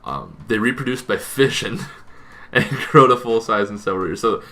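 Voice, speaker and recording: Hosting a tabletop gaming channel, this man walks through game monsters in a casual, semi-improvised way, correcting himself and tossing in informal asides. His voice sits on the low side and sounds sharp and very animated, at normal speed.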